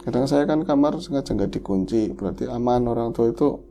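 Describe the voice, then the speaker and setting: A man narrates a listener's sad ghost story as if it were his own, emotional and steady. His voice is deep in tone, very dark, and gravelly. Soft music plays faintly underneath. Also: a little fast. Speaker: horror podcast host. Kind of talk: first-person horror storytelling.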